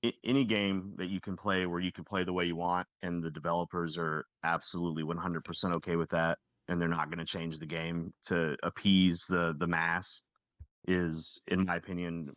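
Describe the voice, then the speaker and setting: A man's voice: low-pitched, little pitch movement, brisk, a bit bright, no room sound, lo-fi sound. A man in his thirties talking casually as a podcast guest, rambling with many fillers. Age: 30s. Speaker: guest streamer.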